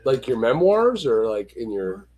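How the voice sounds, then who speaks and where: A man's voice: mid-range voice, very animated, measured pace, warm tone. A man chatting casually on a livestream as a host, with a teasing, wry manner. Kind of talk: casual group chat on a livestream.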